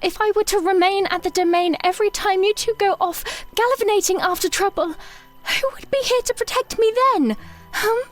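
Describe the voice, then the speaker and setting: A woman playing a proud, defiant young princess in an audio drama, firm and measured, with formal phrasing. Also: very high-pitched, soft background music. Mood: challenging.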